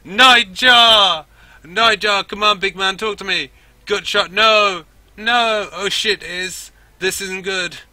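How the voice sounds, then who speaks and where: A gruff female dwarf with a rat at her shoulder, blunt and mocking, her voice pushed up high, as a man puts her on. She talks like someone who has seen every slum there is. The tone is sharp and tense. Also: a little fast, hardly any pauses, no echo. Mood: panicked.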